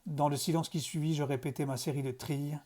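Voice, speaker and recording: A man reads a children's novel aloud in steady first-person storytelling. His voice sits a touch high but sounds mellow and warm, and the delivery stays calm. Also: quick pace. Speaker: narrator. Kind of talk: audiobook narration of a children's novel.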